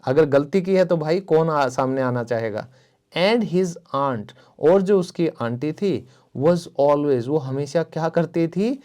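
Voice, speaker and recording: A young man with an Indian accent teaching an English reading lesson. He reads the English slowly, word by word, and then explains it in quick, friendly speech. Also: fairly high pitch, animated, mellow.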